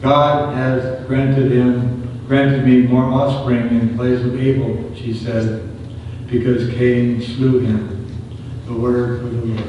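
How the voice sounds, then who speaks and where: A man reading scripture and a psalm at Mass, slow and solemn, his voice heard in cathedral echo. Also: medium pitch, little pitch movement, highs cut off. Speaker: lector and psalm cantor. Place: large church. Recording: distant voice in an echoing church hall with background noise.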